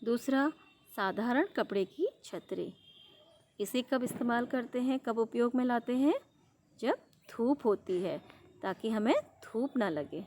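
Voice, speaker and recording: A woman teaching a young class, reading words slowly and drawn out, asking questions and answering them herself. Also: fairly high pitch, expressive, darkish tone. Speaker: primary school teacher. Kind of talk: online class lesson.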